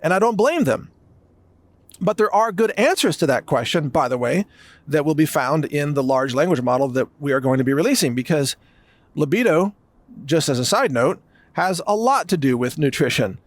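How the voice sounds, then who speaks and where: A man's voice: fairly high pitch, animated, normal speed, dry recording. A middle-aged man hosting a podcast, delivering an emphatic monologue that builds through long lists of phrases. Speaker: podcast host. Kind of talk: monologue commentary.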